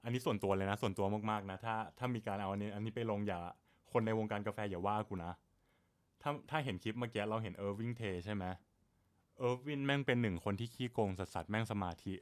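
A man's voice: lowish voice, brisk. A man in casual chat, explaining coffee technique at length in crude, slangy speech. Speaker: barista.

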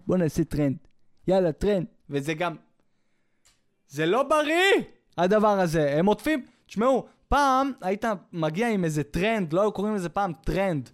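A man hosting a podcast, delivering a sarcastic, scornful comedic rant. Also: high voice. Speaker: podcast host.

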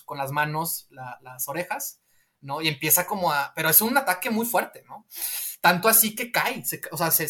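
Bright-voiced man pitching a scene. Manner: rambling, tags lines with a questioning tag. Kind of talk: casual pitch of a film scene.

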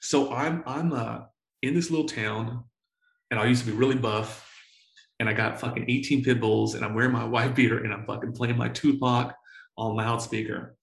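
An entrepreneur in his forties, appearing as a guest, tells stories in a casual interview full of slang and swearing, getting excited and often repeating himself. His creaky, medium-pitched voice moves at a moderate pace in an echoey room.

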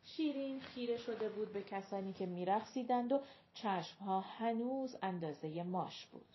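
A woman narrating a novel as an audiobook in a steady, measured reading. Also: medium pitch, a little hiss or hum. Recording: dull lo-fi audio.

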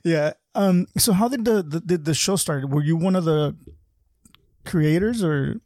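A man hosting a podcast, interviewing a guest in a friendly, halting way with many repeated words. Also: a little high, darkish tone, no echo, studio quality. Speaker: podcast host. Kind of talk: casual interview chat.

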